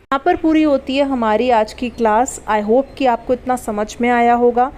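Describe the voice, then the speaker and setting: A woman's voice: a little high, normal speed, darkish tone, a little hiss or hum. A woman teaching a spoken English lesson, spelling words out letter by letter and asking patient checking questions. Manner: patient, asks checking questions and answers them.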